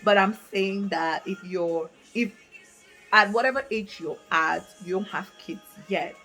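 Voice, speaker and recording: With soft music in the background and low-quality sound, a woman speaks at a measured pace in a bright, forceful, medium-pitched voice. She is a vlogger in her late twenties from Africa, reading from notes into a camera mic while reflecting candidly and casually, thinking aloud with lots of fillers and restarts.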